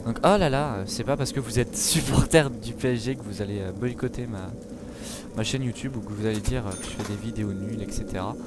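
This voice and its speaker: A man's voice: fairly low pitch, brisk, heavy background noise. A young man in his late teens from France, chatting hesitantly on his gaming channel with lots of fillers and restarts. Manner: hesitant, many fillers and self-corrections. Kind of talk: casual gaming vlog talk. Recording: loud gunfire from game audio. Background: zombie shooter game sounds.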